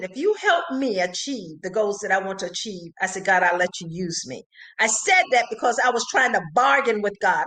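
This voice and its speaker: An older woman speaks as a guest on a podcast, counseling listeners in an earnest, emphatic way. She repeats her main points for weight, and her voice sits a little on the high side. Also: sharp tone. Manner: earnest, emphatic, repeats key phrases like a preacher. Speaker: psychologist and radio host, interview guest. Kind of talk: podcast interview, advice-giving.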